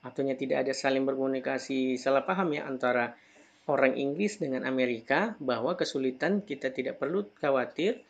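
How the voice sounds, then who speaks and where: A man's voice: mid-range voice, a little fast, vocal fry, lo-fi sound. A middle-aged man teaching English from slides, calling out English example words with extra stress. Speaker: English lecturer. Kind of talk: slide lecture.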